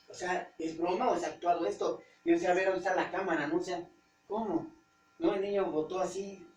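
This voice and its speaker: Mexican pastor preaching in a roomy hall. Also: male voice, sits high. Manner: conversational, halting, searches for words. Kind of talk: informal Bible-study preaching. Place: church hall. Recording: roomy church hall, distant mic, faint hum.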